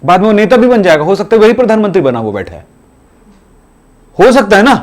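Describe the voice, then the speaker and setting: A man's voice: high voice, big pitch swings, quick pace. A man teaching chemistry in a classroom, urging students to study every day in a repetitive, exhorting way. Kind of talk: classroom lecture.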